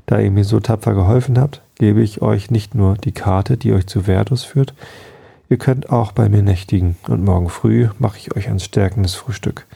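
A man reading a bedtime story aloud in a calm, soft-spoken way. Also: lowish voice, moderate pace, vocal fry, slightly rough.

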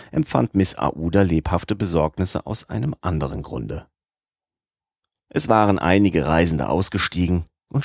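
A man reading a novel aloud as an audiobook narrator, in a measured, even delivery. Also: low-pitched, dry recording, clean studio sound. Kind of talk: scripted narration.

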